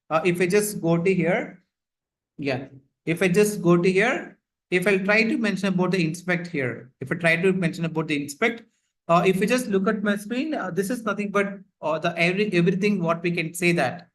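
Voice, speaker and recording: Over a video call, a male instructor teaches a live online class, his high-pitched, fairly bright voice picked up by a computer mic in low quality. His explanations are repetitive and stuffed with fillers, especially "like, you know."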